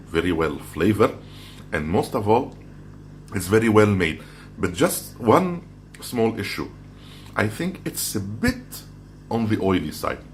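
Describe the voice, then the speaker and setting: Deep-voiced man reviewing snacks over background noise. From outside the Philippines. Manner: talking while handling and crunching chips. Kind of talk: casual food review vlog. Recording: clearly noisy background.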